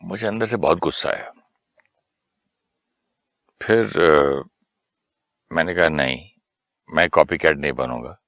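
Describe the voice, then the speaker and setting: A man's voice: rumbling low, slow, pauses often, fairly bright tone, no echo, studio quality. A man in casual conversation, telling a personal story and acting out the dialogue, with English phrases mixed in. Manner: anecdotal, mixes English phrases, acts out quoted dialogue. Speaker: guest sharing a personal story.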